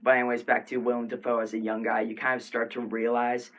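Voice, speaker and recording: A man's voice: medium pitch, completely flat delivery, quick pace, a bit bright. A young man hosting a casual spoiler discussion of a film, rambling with many fillers. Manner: rambling, filler-heavy, says 'like' often. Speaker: film review host.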